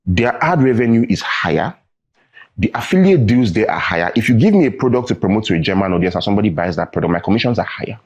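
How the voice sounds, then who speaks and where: Speaking fast and expressively, a young Nigerian-accented man guests on a studio interview as the founder of a tech training outfit. His fairly low voice is slightly rough, and the recording has its highs cut off. He explains with earnest intent, frequently asking "right?" or "you know".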